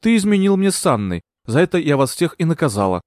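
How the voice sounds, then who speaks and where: A man voicing a scheming, sharp-tongued young woman in an audiobook, with a raised, mocking voice. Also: a little high, sing-song, quick pace, no room sound, clean studio sound, pitched above the performer's own voice. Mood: cold.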